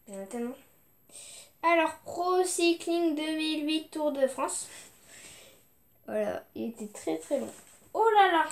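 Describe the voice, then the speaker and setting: A woman's voice: high-pitched, expressive, measured pace, pauses often. A young woman chatting casually as she shows her video game collection, hesitant, with many fillers and restarts. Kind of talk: casual unboxing chat.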